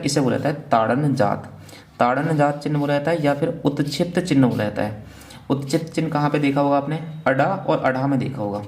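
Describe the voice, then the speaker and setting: Male teacher, gravelly voice, mid pitch, exam revision lecture; asks and answers his own questions. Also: darkish tone. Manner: repeats "theek hai na" as a check-in.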